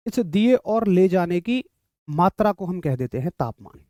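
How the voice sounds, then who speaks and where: A man's voice: high-pitched, sing-song, measured pace, warm tone, no room sound, clean studio sound. A man teaching physics in a classroom lecture, explaining through a story and asking students to confirm they follow.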